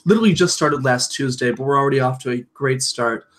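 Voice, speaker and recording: A man's voice: medium pitch, quick pace, a bit bright. A man on a casual online stream chat, plugging his community group in an upbeat, loosely phrased way. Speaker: podcast guest.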